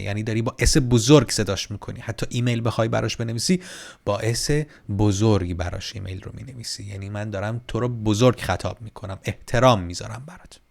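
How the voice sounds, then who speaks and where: A man teaching a casual online German grammar lesson, lively, and repeating words slowly so learners can copy the pronunciation. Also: on the low side, vocal fry.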